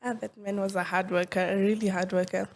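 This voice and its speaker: A woman's voice: medium pitch, flat delivery, fairly quick, slight background noise. A young South African woman, a football player, answering interview questions in a shy, hesitant way.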